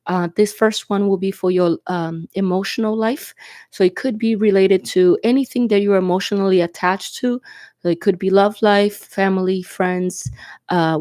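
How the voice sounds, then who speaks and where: A woman with a mid-range, darkish voice, recorded dry in studio quality, gives a casual tarot reading to camera while seated at an indoor table. A native Portuguese speaker, she is congested and coughing from allergies or a cold. She comes across chatty and reassuring, often asking "okay?".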